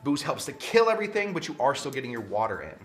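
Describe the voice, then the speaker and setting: A man co-hosting a cocktail show, explaining each step in a relaxed, chatty way with many fillers. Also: mid-range voice, fast talker, faint music behind. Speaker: cocktail show co-host and bartender. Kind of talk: casual chat while mixing drinks.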